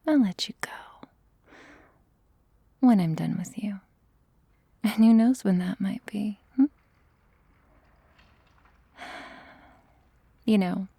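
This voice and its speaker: A woman playing an obsessive, possessive young woman who holds a man captive, talking in a soft, menacing, profane whisper for an audio roleplay. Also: medium pitch, vocal fry, husky, no room sound, full character voice. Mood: taunting. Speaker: voice actor.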